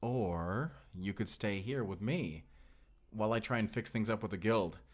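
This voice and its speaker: In this cinematic audio roleplay, a man voices a Spanish vampire slayer who is earnest and tender. His natural, lowish voice carries a Spanish accent as he speaks to the listener in a deliberate, intimate way.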